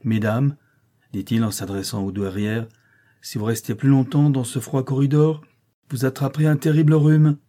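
A man's voice: medium pitch, fairly even intonation, moderate pace, dark tone, close to an everyday voice. Man voicing a brusque commanding manor master. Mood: forceful. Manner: brusque, authoritative, raised.

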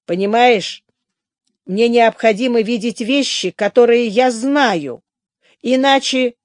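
A woman reading the part of an anxious, stubborn young woman in a slow, raised voice. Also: on the high side, no echo, studio quality, pitched above the performer's own voice.

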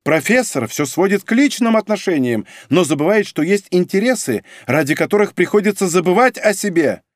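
A man's voice: high-pitched, expressive, a little fast, no echo, studio quality, voice pushed up. A man voicing a cold, domineering woman spy in an audiobook, icy and mocking in manner. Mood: commanding. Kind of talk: audiobook character reading.

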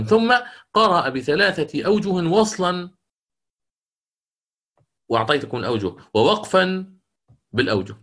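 A man teaching the rules of Quranic recitation in a lecture, explaining patiently, repeating key phrases and chanting verse examples slowly. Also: fairly high pitch, fairly bright tone.

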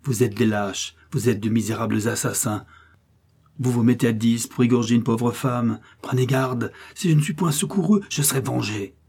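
A man's voice: level tone, moderate pace, gravelly, few pauses, a little mellow, breathy edge. A man voicing a desperate, vengeful young noblewoman who pleads and cries out for her life in an audiobook. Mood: defiant. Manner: shrill, pleading outcries.

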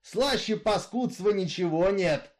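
A man voicing a bitter, brooding male outlaw killer in a read-aloud story, in a rough folksy way of talking. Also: high-pitched, very animated, unhurried, darkish tone, voice pushed up. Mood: fervent. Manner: rough folksy drawl, brooding, growling at times.

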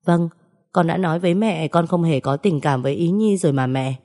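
A woman's voice: sits low, a little fast. Woman playing a polite, respectful grown son. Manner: respectful, gentle. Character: polite grown son talking to his mother.

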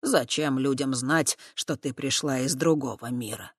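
A reader voicing a calm, kindly fat horned man who speaks softly and deliberately. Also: medium pitch, slightly rough, no echo, studio quality. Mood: gentle. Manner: slow, soft, measured. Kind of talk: audiobook character voice.

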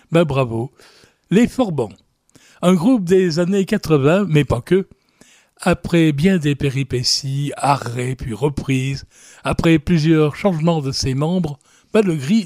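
A man's voice: fairly high pitch, slow, a little mellow, no room sound, clean studio sound. A man hosting a radio program on French song, presenting in a chatty way with casual fillers. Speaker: radio host.

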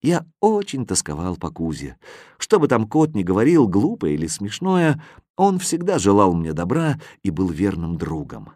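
A man narrating a humorous children's audiobook in the first person, with expressive delivery. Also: low-pitched, no room sound, clean studio sound.

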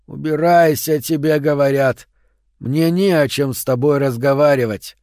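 A man voicing an unshaven, exhausted, half-mad man who speaks in a slow, hoarse, menacing drawl. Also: a little high, fairly even intonation, darkish tone, no room sound, clean studio sound, natural voice.

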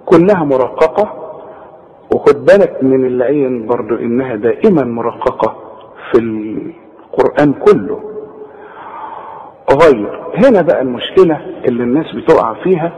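A man's voice: mid-range voice, dark tone. Egyptian man teaching recitation, echoing hall. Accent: Egyptian Arabic. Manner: patient, corrective, drawing out words to demonstrate pronunciation. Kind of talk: step-by-step tajweed lesson.

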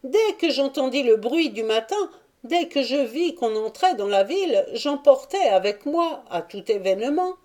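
A woman's voice: sits high, animated, a little slow, warm tone, pitched above the performer's own voice. A woman reading aloud and voicing a fearful, pleading old male trader who protests his honesty. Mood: eager, voluble. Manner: voice raised, wheedling and protesting.

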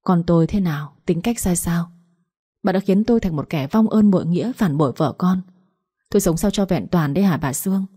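A woman's voice: on the low side, a little fast, warm tone, breathy edge. A woman voicing a guilt-ridden older father who pleads in anguish, read in a story.

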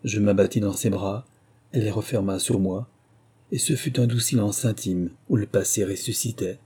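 A man narrating a literary short story in a slow, measured, lyrical manner. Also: on the low side, mellow, husky.

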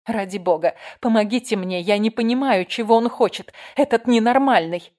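A woman's voice: normal speed, darkish tone, close to an everyday voice. Woman voicing a panicked, venomous middle-aged woman. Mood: panicked pleading. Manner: shrill, panicked pleading turning to hissing rage. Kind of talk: audiobook character voice.

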